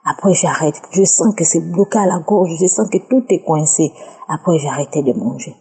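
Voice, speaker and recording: Woman, religious testimony, fervent, repetitive, mellow, husky. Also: low voice, normal speed. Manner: fervent and repetitive, repeats words in chains. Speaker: testifying listener.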